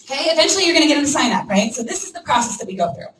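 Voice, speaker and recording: A woman giving a lively training talk to a room of people, checking in constantly with "okay?" and "right?". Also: high-pitched, very fast, noisy background. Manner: energetic, acts out prospects' voices, frequent "okay?" and "right?". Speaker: network marketing trainer. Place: meeting room with an audience. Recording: echoey room, mic from far off.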